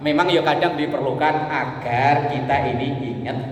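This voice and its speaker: A man's voice: fairly high pitch, normal speed. A man, preaching in a joking, storytelling way and often turning to address the men listening. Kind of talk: humorous religious talk. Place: prayer gathering hall. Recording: echoey hall with long reverb, faint noise.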